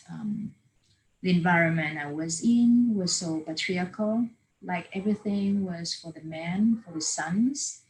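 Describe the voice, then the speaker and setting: A woman from northern Vietnam speaking on an online panel over a video call, in a measured, thoughtful way. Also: fairly low pitch, darkish tone, slight background noise, low-quality recording.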